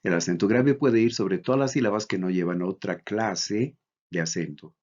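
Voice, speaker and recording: Low-voiced guy from bolivia lecturing slow, muffled lo-fi sound. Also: a little mellow. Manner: slow, deliberate, reads out examples. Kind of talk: recorded lecture on Greek accents. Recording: dull lo-fi recording.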